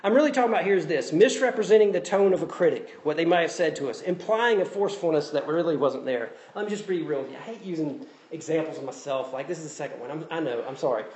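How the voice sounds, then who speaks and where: A man's voice: a little high, lively intonation, fast talker, few pauses, a little mellow. A man with a Southern US accent preaching a sermon as pastor, conversational and self-deprecating, repeating his key phrases. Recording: echoey room with faint ambience.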